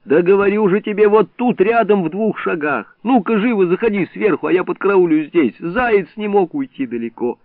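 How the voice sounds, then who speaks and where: A man doing a gruff old village hunter. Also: sits high, animated, moderate pace, few pauses, no room sound, pitched above the performer's own voice. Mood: cursing furious. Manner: scolding, cursing, bantering. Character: old male village hunter, gruff, hot-tempered, boastful. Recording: dry, narrow phone-like sound.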